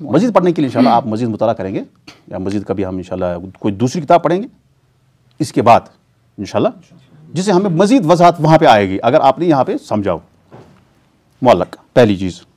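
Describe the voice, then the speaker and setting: A man's voice: medium pitch, sing-song, a little fast, pauses often, a little mellow. A man teaching a weekly class in a mosque, asking his students rhetorical questions and answering them himself. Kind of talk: classroom lecture on hadith terminology.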